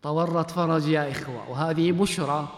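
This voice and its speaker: A man teaching as a sheikh, quizzing students in class, brisk and commanding as he calls them up and questions them. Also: a little high. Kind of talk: classroom quiz session. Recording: echoey hall with long reverb.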